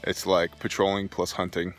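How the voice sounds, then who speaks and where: A middle-aged man talking casually to viewers as a folksy gun enthusiast and preparedness host, making emphatic points in short deliberate phrases. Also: sits low, monotone, faint music behind. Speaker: homesteading and preparedness video host. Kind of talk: casual off-the-cuff vlog talk to viewers. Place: outdoors, walking on own rural land.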